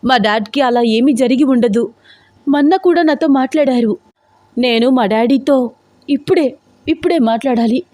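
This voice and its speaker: A woman's voice: high voice, moderate pace, long pauses, mellow, dry recording, pitched above the performer's own voice, natural voice. A woman voicing a frantic, pampered young woman in a storybook audio drama, talking in an urgent, pleading, tearful way. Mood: panicked.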